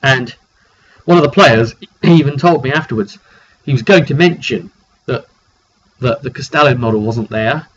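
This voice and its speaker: Recorded through a makeshift mic that sounds dull, lo-fi and noticeably noisy, a game master with a mid-range voice sums up a tabletop roleplay session in a relaxed way. He has a cold, keeps clearing his throat, and tells the story in stop-start fragments.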